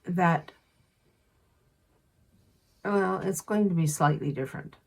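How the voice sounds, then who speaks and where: A woman channeling a spirit in slow, measured speech, with a husky voice. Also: on the low side, darkish tone, far from the mic. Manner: slow, measured, unhurried delivery.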